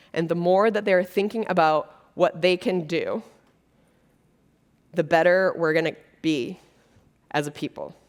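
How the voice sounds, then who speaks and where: A woman from Brazil giving a conference keynote on stage, talking earnestly and conversationally with frequent fillers. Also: lowish voice. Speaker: keynote speaker. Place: conference stage before an audience.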